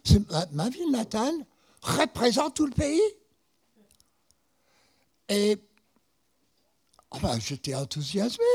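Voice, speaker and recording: A man with an American accent delivers a sermon in a high, lively voice that rises and falls a lot. His pace is slow and deliberate, and he often repeats words as he tells a story. The voice has a gravelly, husky edge. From United States. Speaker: preacher.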